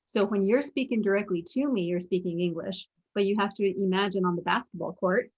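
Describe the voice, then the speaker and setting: Her mid-range voice is a little mellow and slightly rough, moving a little fast, and the recording has its highs cut off. As an interview guest, this young former pro basketball player and mental performance coach sincerely relates her story, quoting her past thoughts.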